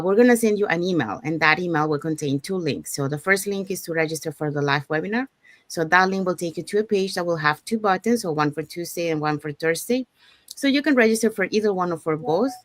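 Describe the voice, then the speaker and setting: Low-voiced woman host from Panama. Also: dry recording. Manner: steady explanatory, many "so" starts. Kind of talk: casual panel chat and promo.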